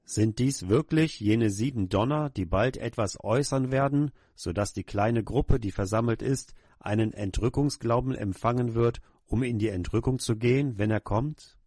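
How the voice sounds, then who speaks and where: A man's voice: mid-range voice, normal speed, few pauses, darkish tone, dry recording. Middle-aged male preacher, earnest pleading prayer, plain mid voice, dry close mic. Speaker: pastor. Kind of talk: sermon prayer.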